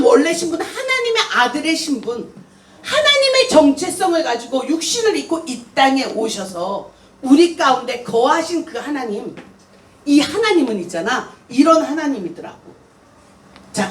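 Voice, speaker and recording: A woman missionary preaching to young people, animated and full of questions, speaking casually to the kids. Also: very high voice. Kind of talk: sermon. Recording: echoey room, voice heard from far off, faint noise.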